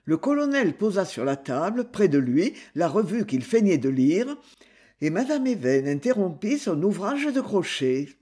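A man reading a novel aloud as an audiobook narrator, with a husky voice and lively storytelling. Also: high voice, normal speed. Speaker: audiobook reader.

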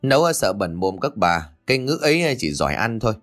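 A harsh old mother-in-law snaps and sneers at her daughter-in-law, as a man reads her lines. The voice sits low and carries shrill, scolding barbs. Faint music plays behind the storybook reading. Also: sing-song, fast, a bit bright.

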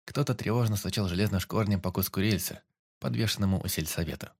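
A man narrating a dramatic story in a steady, measured reading. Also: low voice. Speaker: audiobook narrator. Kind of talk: scripted narration.

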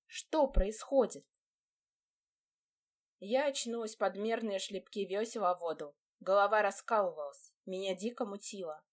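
A woman reading a first-person audiobook in an expressive storytelling manner. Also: medium pitch. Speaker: audiobook narrator.

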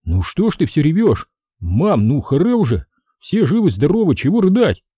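Man doing a brusque young fighter, a bit higher than his narration, dark husky tone, lively. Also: normal speed, no echo, studio quality, exaggerated voice. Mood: impatient. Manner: brusque, slangy. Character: young man back from fighting, blunt and impatient.

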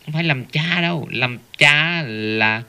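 A man's voice: a little high, unhurried, pushed and bright, clean tone. A man giving a Buddhist dharma talk, telling a story and often asking his listeners rhetorical tag questions. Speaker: Buddhist teacher.

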